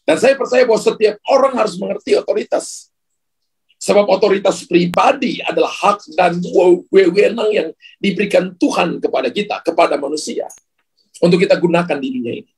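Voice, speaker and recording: A male pastor delivers a sermon in a relaxed, conversational way and keeps turning to the congregation. His voice sits a little high and sounds husky. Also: a little fast, rough recording. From Ambon, Indonesia. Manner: conversational preaching with frequent "ya" and direct address.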